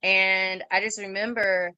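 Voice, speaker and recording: A woman's voice: medium pitch, no echo. Young woman telling her story, dry sound. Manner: animated, quotes others in raised voices; halting, with many fillers and restarts. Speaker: guest sharing her story. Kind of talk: casual interview storytelling.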